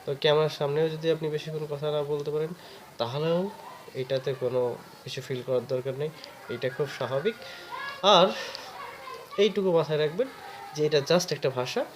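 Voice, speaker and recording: A man talking earnestly to the camera, encouraging learners with patient advice and drawn-out fillers. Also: fairly high pitch, a little hiss or hum. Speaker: vlogger giving advice. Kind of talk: casual talk to camera.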